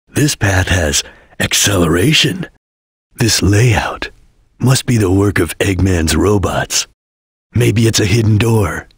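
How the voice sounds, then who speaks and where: Espio, a husky, stoic ninja chameleon. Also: male voice, low-pitched, no echo, clean studio sound, heavily acted. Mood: watchful, serious. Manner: terse, grave, deliberate instruction. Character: stoic male chameleon ninja, serious, watchful, disciplined. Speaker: video game character voice actor. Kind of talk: video game voice lines, hints and callouts.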